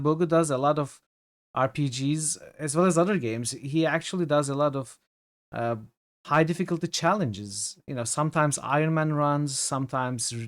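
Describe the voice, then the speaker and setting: A man chatting casually on a live game stream in a friendly way. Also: on the high side. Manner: friendly, thanking viewers.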